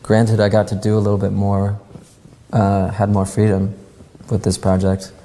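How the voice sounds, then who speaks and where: A man answering interview questions casually, with frequent ums and pauses. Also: lowish voice, slight background noise. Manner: relaxed, many ums and pauses. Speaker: musician interviewee. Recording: long reverb.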